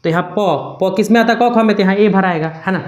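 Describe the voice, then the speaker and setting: A woman's voice: medium pitch, a little fast, a little mellow, reverberant. A woman teaching a beginners' grammar lesson, repeating points and checking in often. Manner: repetitive, keeps checking with "na". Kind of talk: classroom lesson.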